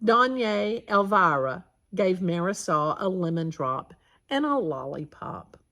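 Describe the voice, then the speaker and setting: Slow, bright-voiced woman reading a picture book. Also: on the low side, very animated. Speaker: storytime reader. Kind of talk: children's picture book read-aloud.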